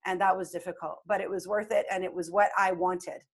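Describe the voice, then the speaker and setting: A woman's voice: on the low side, steady tone, brisk, gravelly, slightly rough. A woman in her late forties, a coach, talking earnestly and reflectively in a casual interview. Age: 40s. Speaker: guest coach.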